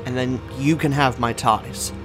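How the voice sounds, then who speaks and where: A man's voice: medium pitch, steady tone, moderate pace, close to an everyday voice, poor audio. A man playing a heroic, eccentric time-travelling adventurer in an audio drama, with a theatrical delivery. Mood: tender, resolute. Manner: theatrical, declamatory. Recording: music bed under the voice.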